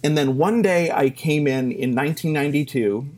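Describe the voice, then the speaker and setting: A middle-aged man telling stories from his career in a casual interview, animated and self-deprecating, laughing and acting out quotes. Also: fairly high pitch, moderate pace. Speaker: interview guest.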